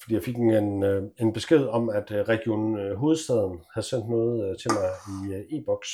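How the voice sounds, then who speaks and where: A man's voice: on the low side, mellow. A man co-hosting a podcast in casual banter, who talks hesitantly with many fillers and a dry manner. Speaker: podcast co-host.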